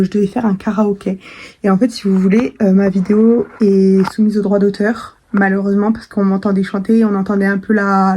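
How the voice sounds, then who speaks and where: Young woman vlogging, mellow chatty voice. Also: mid-range voice. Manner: chatty, many fillers and restarts. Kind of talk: casual vlog chat to camera.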